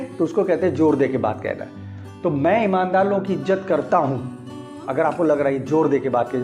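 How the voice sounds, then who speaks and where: A man's voice: a little high, mellow. A man teaching English grammar, explaining step by step and repeating key phrases as he questions his students. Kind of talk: explanatory lesson.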